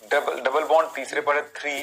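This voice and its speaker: This rough recording captures a man's mid-range, slightly slow voice as he teaches chemistry naming to a class. He explains each step, counts carbons out loud, and poses rhetorical questions to the students.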